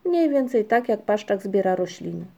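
An easygoing young troll wanderer who spins tall tales in a matter-of-fact way, as a woman reads him. The voice is mellow and warm, slightly lifted above the reader's own. It is a storybook character in an audiobook. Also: medium pitch, sing-song, moderate pace, gravelly. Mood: calm storytelling.

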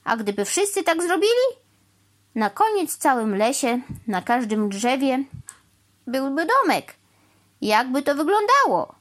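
A woman voicing a pedantic, fussy male crow in a storybook, talking slowly and over-clearly, as if lecturing. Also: high voice, very animated, voice pushed up. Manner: lecturing, slow and overly clear. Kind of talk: storybook reading.

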